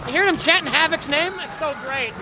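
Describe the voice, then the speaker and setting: Male color commentator for live wrestling, high voice, opinionated and one-sided, crowd audible behind him. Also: a little fast. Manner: opinionated, openly partisan. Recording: loud crowd noise behind. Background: wrestling event crowd.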